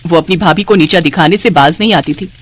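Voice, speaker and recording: A woman narrating an animated storybook in an expressive, dramatic manner. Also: lowish voice, brisk.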